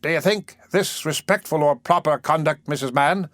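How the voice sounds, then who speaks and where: A man's voice: on the high side, normal speed, fairly bright tone, no room sound, pitched above the performer's own voice, natural voice. A man voicing a fat, choleric, self-important parish official who speaks with pompous oratory. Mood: indignant.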